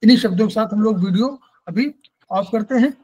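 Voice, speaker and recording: A man's voice: sits high, fairly quick, darkish tone, slightly rough, low-quality recording. A man teaching an acupressure class, explaining patiently and repeating key points, mixing English terms into his talk.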